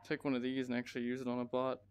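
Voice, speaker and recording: A man's voice: mid-range voice, very fast, faint music behind. A man giving casual, profane commentary to himself while playing a shooter game. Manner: profane, excitable, talks to himself.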